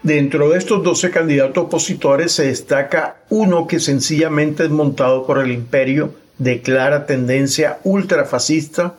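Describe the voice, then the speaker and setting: Formal male radio podcast host. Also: a little high. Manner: reads prepared introductions and questions.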